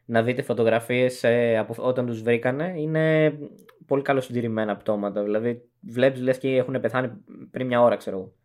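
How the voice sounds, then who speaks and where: A man's voice: medium pitch, fairly even intonation, darkish tone. A young man co-hosting a podcast, casually talking through arguments point by point. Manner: analytical, lists arguments point by point. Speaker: podcast co-host.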